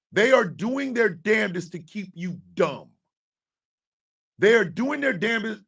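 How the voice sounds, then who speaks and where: A man in his fifties hosting a live stream, ranting with profanity and often breaking into shouts. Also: sits high, creaky, recorded from a distance. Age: 50s. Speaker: host.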